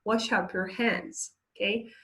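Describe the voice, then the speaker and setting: Slow gravelly-voiced woman teaching English. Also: mid-range voice, fairly even intonation, a bit bright. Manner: slow, hesitant, many fillers, laughs often. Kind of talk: casual English lesson describing pictures.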